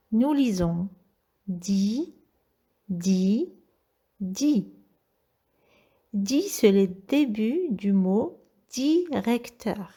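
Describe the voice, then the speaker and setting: Woman, teacher, very slow delivery, mellow tone, children's reading lesson, careful repeated syllables. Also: mid-range voice.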